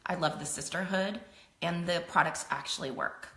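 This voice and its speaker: Casting: chatty middle-aged woman host, bright tone, lower pitch, echoey room. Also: normal speed. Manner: chatty, laughs often. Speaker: host selling makeup. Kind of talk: casual live-stream chat. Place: home room.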